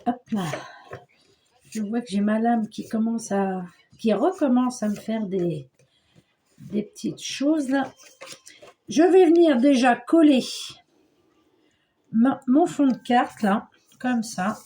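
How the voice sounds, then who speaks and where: A woman's voice: fairly high pitch, slow, pauses often, mellow. An older woman chatting her way through a homely crafting tutorial, describing each step as she works. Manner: chatty, homely, narrates her hands at work. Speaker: scrapbooking crafter.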